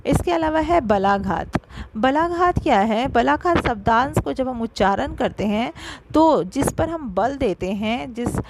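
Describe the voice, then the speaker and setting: A woman teacher giving an online grammar lesson, talking straight to her pupils and slowing down to spell out sounds. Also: sits high, lively intonation, vocal fry, noisy background. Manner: explanatory, addresses pupils directly, stresses syllables slowly.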